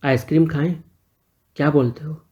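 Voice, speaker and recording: A man's voice: on the high side, fairly even intonation, moderate pace, mellow, lo-fi sound, close to an everyday voice. A man voicing a shy, teasing young man who asks playful, pleading questions.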